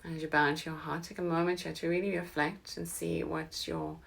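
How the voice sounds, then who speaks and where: In a slow meditation session, a woman's low, gravelly voice keeps an even, gentle pitch. Now and then, and quite often, she sinks into a whispery, breathy hush.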